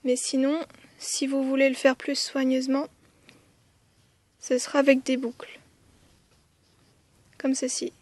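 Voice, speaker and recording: Unhurried and monotone, a language teacher's high voice guides a writing lesson one step at a time, with long pauses and frequent "euh" hesitations. She counts the strokes aloud, whispering some softly, and there's no room sound.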